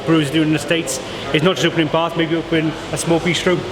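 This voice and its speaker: A man's voice: fairly high pitch, little pitch movement, fast talker, crowd noise. A man informally answering interview questions as a brewer showing visitors around. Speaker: brewer giving a tour of the brewery. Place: inside an echoey working brewery. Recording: echoey, noisy brewery with machinery hum.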